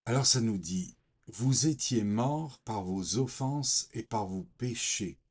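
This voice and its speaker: A man from Portugal gives his personal faith testimony in a deep, husky voice. He speaks slowly and haltingly, stopping often with fillers as he reads scripture and recounts his past. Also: lively intonation, darkish tone. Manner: slow, hesitant, many fillers.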